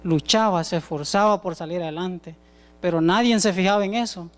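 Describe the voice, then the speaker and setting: Young man, preacher, high smooth voice, storytelling sermon, long hall reverb. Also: brisk. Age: young adult. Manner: tells a story with acted quoted dialogue. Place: church sanctuary.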